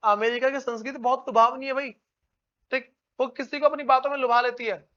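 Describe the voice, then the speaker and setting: A male teacher gives an informal lecture with a very high-pitched voice. He talks to his students like friends and keeps checking that they follow. The recording sounds dull and lo-fi. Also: fairly even intonation, a little fast, bright, forceful tone. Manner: calls listeners "brother".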